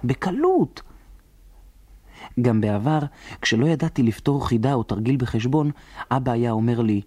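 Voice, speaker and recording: A man's voice: medium pitch, very animated, dark tone, no echo. An actor narrating in the first person as a resourceful boy hiding alone in ruins, in a reflective radio drama monologue that plans step by step. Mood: brooding, planning. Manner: reflective inner monologue, planning aloud.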